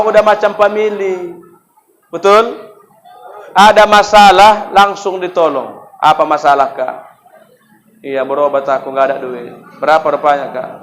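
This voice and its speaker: Guy giving a mosque sermon, kinda high voice, lively storyteller, faint noise behind. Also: low-quality recording. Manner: lively storytelling with rhetorical questions to the congregation; acts out quoted dialogue in shifting voices. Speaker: Islamic preacher. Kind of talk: sermon at a mosque fast-breaking gathering.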